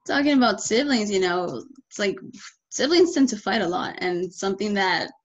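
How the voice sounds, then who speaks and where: A woman interviewing a guest, asking questions and chatting in a relaxed, conversational way. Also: medium pitch, moderate pace, lo-fi sound.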